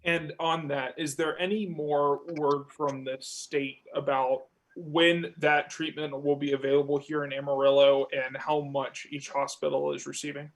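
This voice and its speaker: A man, a newspaper reporter, asking questions at a briefing with halting restarts. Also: fairly high pitch, little pitch movement, poor audio. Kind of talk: press conference questions.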